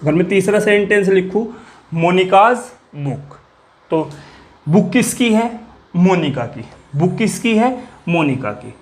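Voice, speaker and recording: A man's voice: high voice, expressive, a little slow. A man teaching an English grammar lesson. He asks questions, answers them himself, repeats key words, and drops his voice on the answers. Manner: repetitive, quizzing students with questions he answers himself. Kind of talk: classroom grammar lecture.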